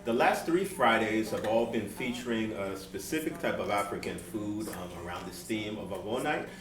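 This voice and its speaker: A man in his thirties from Seattle, a guest answering in a relaxed, earnest way during a live on-stage interview. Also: fairly low pitch, normal speed. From Seattle, USA. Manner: relaxed and earnest, many "um" fillers. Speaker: guest, board member of a nonprofit. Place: event venue with live audience. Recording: echoey venue, distant mic, music behind.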